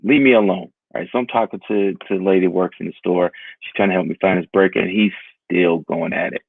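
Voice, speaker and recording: A low-voiced man speaking bluntly and profanely in a casual podcast chat. His voice comes through a narrow, tinny, phone-like line, dry with no room echo. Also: flat delivery, fast, vocal fry. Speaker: podcast co-host.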